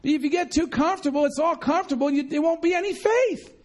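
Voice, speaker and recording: A man with a strikingly high voice preaches a sermon, shifting between talking to his congregation and acting out a story. He speaks in an animated, chatty way, tossing in quick asides and correcting himself as he goes. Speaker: pastor. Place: church room with congregation.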